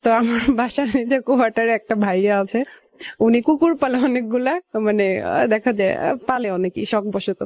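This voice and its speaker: A young woman with a Bangladeshi accent, guesting in a radio studio, talks through her life story conversationally and slips into remembered dialogue. Her voice is on the high side and a little mellow, at a normal speed, with no room sound.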